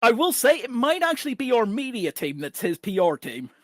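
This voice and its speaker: London male co-host, high-pitched, dry close-mic sound, sarcastic banter. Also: big pitch swings, brisk, a bit bright, dry recording. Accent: London English. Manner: sarcastic, swears freely. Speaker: podcast co-host. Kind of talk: casual chat.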